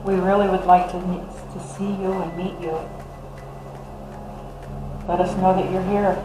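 A woman's voice: lowish voice, level tone, unhurried, background noise. A woman calling out to spirits as an investigator in a large indoor room. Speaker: paranormal investigator. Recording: echoey room with music behind.

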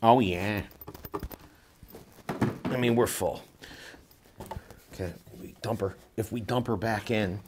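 A man in his forties giving a casual, lively tool review while testing gear in an indoor workshop, talking into a lapel mic. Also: on the low side, slow, pauses often, heavy background noise. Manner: lively, chatty, excited while testing tools.

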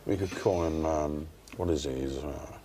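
A man's voice: rumbling low, moderate pace, dark tone. An actor playing a hesitant, bumbling male politician who stammers over his words.

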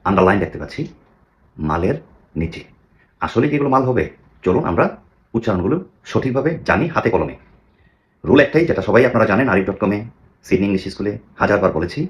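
Very low-voiced male pronunciation teacher. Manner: asks rhetorical questions and repeats model words. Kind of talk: pronunciation lesson.

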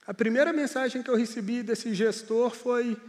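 High-voiced pastor in a reverberant hall. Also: male voice, fairly even intonation, moderate pace, a little mellow. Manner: earnest, conversational storytelling. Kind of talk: sermon.

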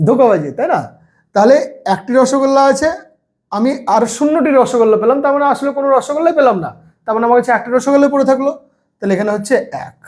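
A man's voice: very high voice, a little mellow. A man, teaching first-grade maths in a casual video lesson, patient and step by step with everyday examples. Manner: clears throat now and then.

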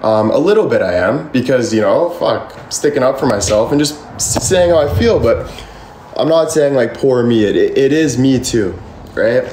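Speaking at a normal pace, this twenty-something man sounds animated, his mid-range voice slightly mellow. He rambles defensively and emphatically on a livestream, cursing freely, from his echoey bedroom with a ceiling fan. The phone camera is at arm's length, with slight background noise.

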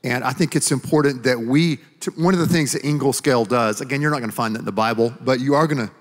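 A middle-aged man, a pastor and author, explains things earnestly during a stage sermon dialogue on a church stage, speaking into a handheld microphone. His voice is medium-pitched and quick, and the recording has a long hall reverb.

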